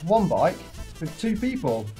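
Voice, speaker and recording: A man's voice: a little high, big pitch swings, unhurried, warm tone. A man, chatting casually as a vlog co-host. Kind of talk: casual chat. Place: garage, restaurant, car and outdoor trail. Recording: music behind the voice.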